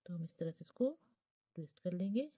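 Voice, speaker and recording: Soft-spoken mellow woman teaching knitting. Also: lowish voice, animated, fairly quick. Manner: patient, counts stitches aloud, often drops to a soft near-whisper. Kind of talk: step-by-step knitting tutorial.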